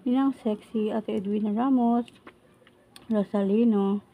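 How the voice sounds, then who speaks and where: A woman's voice: medium pitch, steady tone, measured pace, narrow, tinny audio. A Filipino woman with the speech of someone missing upper front teeth, chatting casually to viewers in a food vlog. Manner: informal, chatty, talking to viewers while preparing and eating food. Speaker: vlogger. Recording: noisy home recording with roosters crowing. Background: background noise, chickens and roosters.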